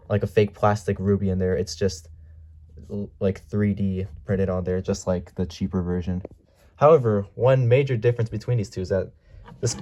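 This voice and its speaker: A man giving a casual product comparison as a toy reviewer. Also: lowish voice. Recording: mellow home recording, faint noise.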